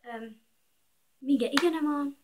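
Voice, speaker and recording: A thirteen-year-old girl with a high voice, talking in a soft, hushed way and rambling on in a casual home vlog. She is filmed on a phone in a bedroom with some echo. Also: a little hiss or hum. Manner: quiet, soft-spoken, rambling and chatty. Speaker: vlogger. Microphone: phone camera.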